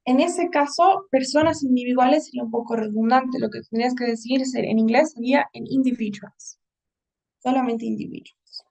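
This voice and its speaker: A woman's voice: a little high, moderate pace, vocal fry, a little mellow, far from the mic, low-quality recording. A woman English teacher giving a writing lesson, explaining patiently and often checking in with her students.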